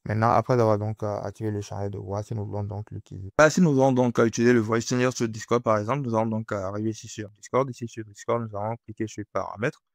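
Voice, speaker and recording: A man narrating a software tutorial step by step, hesitant and repetitive in his delivery. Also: fairly low pitch, fairly even intonation, fast talker, gravelly, dry recording, clean studio sound. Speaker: tutorial presenter.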